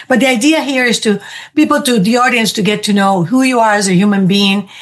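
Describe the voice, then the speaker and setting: A woman hosts a podcast interview in a chatty, upbeat way. She restarts her phrases and circles back as she talks. Her voice sits at an ordinary middle pitch. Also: fairly quick. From spent twenty years in New York. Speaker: podcast host. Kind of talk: conversational interview.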